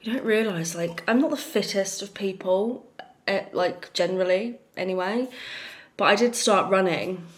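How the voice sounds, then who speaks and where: A woman's voice: mid-range voice, moderate pace, slightly rough, dry recording, rough recording. A young woman, vlogging casually and sounding out of breath while she recovers from illness. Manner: chatty, grateful, laughs often. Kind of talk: casual vlog chat to camera. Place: outdoors on a walk, then at home.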